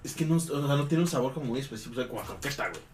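A man's voice: mid-range voice, animated, very fast, darkish tone. A young man with a Mexican accent, host of a casual podcast, telling stories in a laid-back, slangy way. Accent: Mexican Spanish. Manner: laid-back storytelling, slangy, laughs often. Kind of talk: casual chat. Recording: slightly distant mic with faint background noise.

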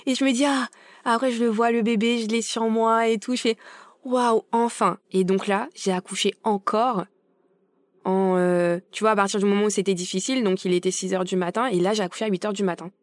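A young adult woman, a podcast guest, casually tells her birth story in a mid-range voice at a fairly quick pace. She's animated and acts out the quoted dialogue with emotion. There's no room sound.

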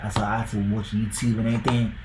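On a casual podcast, a young man from Ghana talks very fast in a level tone with a low-leaning voice and a Ghanaian accent, peppering his speech with likes and bros. He's a co-host, recorded in an echoey room with background noise.

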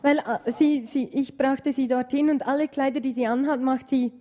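A woman interprets a sermon phrase by phrase, translating quickly and sometimes restarting a word. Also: sits high, steady tone, warm tone.

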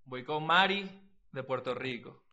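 A man co-hosting a podcast, calling up a listener and teasing her with quick questions. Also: medium pitch, lo-fi sound, crowd noise. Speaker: podcast co-host making a call. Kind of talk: casual chat.

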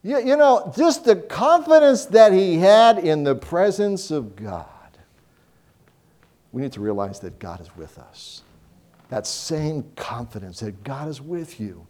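A man preaching a sermon, telling Bible stories with animated voices and reading scripture slowly. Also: fairly high pitch. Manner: animated storytelling, acts out Bible characters; slows down to read scripture.

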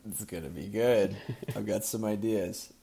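A man's voice: fairly low pitch, a little slow, gravelly. A man hosting a podcast, reading a silly story aloud in a mock-serious tone and often breaking into laughter. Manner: laughing through a deadpan read. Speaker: podcast host.

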